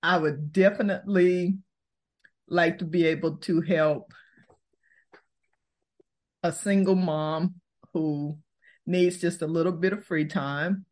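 A woman, answering interview questions in a thoughtful, unhurried way and laughing easily. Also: lowish voice, steady tone, a little mellow. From Texas, US. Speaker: podcast host, guest.

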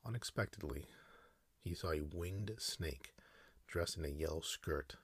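Deep husky man whispering bedtime stories. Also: no room sound. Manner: slow, soft whispered narration. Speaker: ASMR storyteller. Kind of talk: whispered ASMR storytelling.

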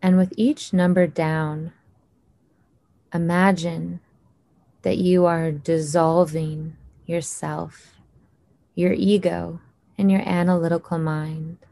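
A woman leading a guided hypnosis meditation in a slow, soothing voice with long pauses. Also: fairly low pitch, little pitch movement, vocal fry, dark tone, dry recording.

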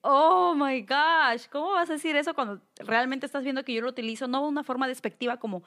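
A young woman from Peru, co-hosting a casual podcast chat and telling stories with lively, acted-out quotes. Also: high-pitched, racing. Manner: animated storyteller, acts out quoted voices. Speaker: podcast co-host. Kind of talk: casual conversation.

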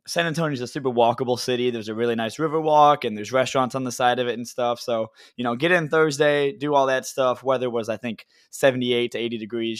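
A man's voice: mid-range voice, smooth, dry recording. Young male podcast guest, dry casual sound. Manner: informal, peppered with "like" and "you know". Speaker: podcast guest, soccer supporter. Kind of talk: casual chat.

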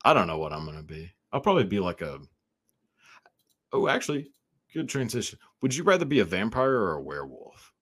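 A man's voice: fairly low pitch, big pitch swings, a little fast, fairly bright tone, slightly rough, no room sound. A man with a standard American accent in casual, comedic podcast chat, often repeating short phrases as he goes. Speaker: podcast host.

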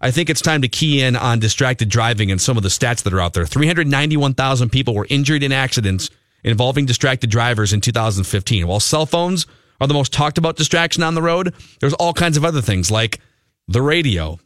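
A man's voice: medium pitch, animated, fairly quick, fairly bright tone, no room sound, clean studio sound. A man with an American accent talking as a sports talk radio host, conversational and ad-libbing between banter and live reads.

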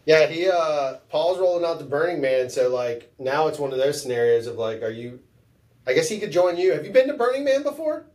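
A podcast host rambles through a casual chat, joking at his own expense. His male voice is a little high, fairly quick, and somewhat dark in tone, recorded from a distance from the mic.

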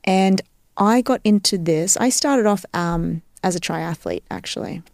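A woman with an Australian accent, appearing as an expert guest on a podcast, explains her field step by step, using tag questions to make sure she's being followed. Her mid-range voice is unhurried, creaky, and darkish in tone, captured in clean studio sound with no room sound.

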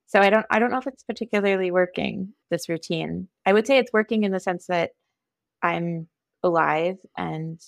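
A woman's voice: fairly low pitch, gravelly, dry recording. A woman with a Minnesotan accent, a podcast guest talking in a reflective, hesitant, self-deprecating way. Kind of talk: candid conversational interview.

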